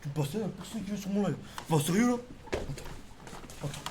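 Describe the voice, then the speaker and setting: A man chats on his live stream with a high, bouncing voice, loud and teasing, cursing freely. His pitch swings widely from line to line. Steady noise sits underneath the recording. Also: fairly quick. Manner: loud, teasing, swearing banter. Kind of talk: casual live-stream chat.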